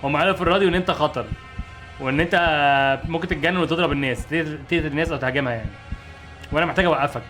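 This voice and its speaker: A man's voice: fairly high pitch, very fast, fairly bright tone, faint music behind, natural voice. A man voicing a suspicious, stern man who questions a stranger and threatens him, with an Egyptian Arabic accent.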